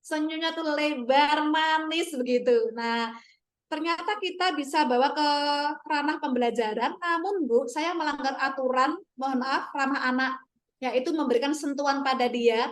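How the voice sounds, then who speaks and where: High-voiced apologetic woman teacher. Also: fairly bright tone. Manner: apologetic, often begging pardon and addressing listeners as ma'am; storytelling, acts out her students' voices. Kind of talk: casual webinar sharing of classroom experience.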